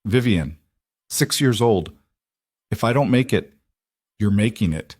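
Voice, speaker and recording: A man playing a badly wounded, hardened male crime boss who talks in a flat, resigned, clipped way. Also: on the low side, a little slow, breathy edge, no room sound, clean studio sound. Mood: distant.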